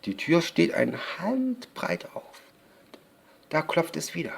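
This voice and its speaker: Gravelly, unhurried man reading aloud. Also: fairly high pitch, very animated, very noisy. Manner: unpolished, restarts and laughs at his own slips. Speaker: podcast host reading a children's story. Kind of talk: storybook read-aloud.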